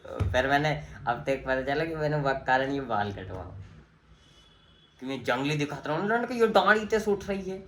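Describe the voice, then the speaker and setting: A man's voice: mid-range voice, expressive, normal speed, a little hiss or hum. Rambling young man telling a story. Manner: rambling storyteller, slangy, acts out quotes. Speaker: vlogger. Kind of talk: casual chat to camera.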